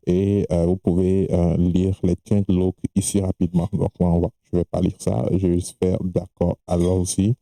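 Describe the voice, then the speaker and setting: Low gravelly guy walking thru a tech tutorial, lots of umms and restarts, dark voice, not a native french speaker. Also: dry recording, rough recording. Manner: hesitant, many fillers and restarts. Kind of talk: screen-recorded software tutorial.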